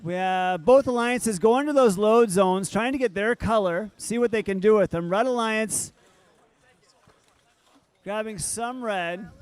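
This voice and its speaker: A man's voice: sits high, unhurried, clean tone, no room sound. A man announcing and commenting on robotics competition matches, upbeat and joking with the teams. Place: event hall.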